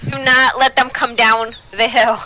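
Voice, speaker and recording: A woman's voice: on the high side, little pitch movement, a little slow, bright, forceful tone, rough recording. A woman playing a multiplayer game with friends, nervous and saying she is scared. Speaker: gamer. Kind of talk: excited multiplayer game chat.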